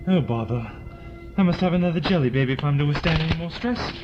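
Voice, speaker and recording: A man's voice: on the high side, lively intonation, fast, lightly acted. A man playing an eccentric, genial alien scientist in an audio drama, with theatrical, wordy politeness. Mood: fussy, genial. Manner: theatrical, whimsical, old-fashioned wordy politeness. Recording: dull lo-fi with loud music behind.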